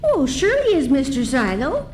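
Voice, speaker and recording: A woman's voice: sits high, huge pitch swings, moderate pace. A woman playing an eager, wholesome young orphan girl in an old-time radio serial, earnest and folksy. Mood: earnest, cheerful. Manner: folksy, earnest, chipper exclamations. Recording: faint background noise, live event.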